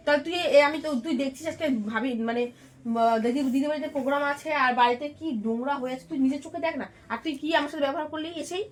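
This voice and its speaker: Fast-talking high-voiced scolding woman. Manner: harsh, scolding, bossy. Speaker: scolding employer in a home skit. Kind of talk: staged domestic skit.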